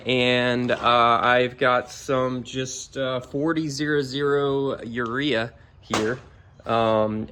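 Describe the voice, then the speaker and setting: A middle-aged man from Georgia in the US, casually walking through his homemade yard sprayer outdoors, rambling with lots of ums. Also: medium pitch. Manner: relaxed, rambling with many ums. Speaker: home DIY vlogger. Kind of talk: casual how-to walkthrough.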